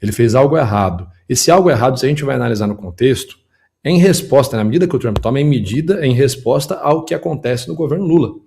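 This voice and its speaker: A man hosting a political commentary show, breaking down clips quickly and emphatically for his viewers. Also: medium pitch, animated, a little mellow. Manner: quick, emphatic, analytical, talks to the audience and production. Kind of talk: video commentary and analysis.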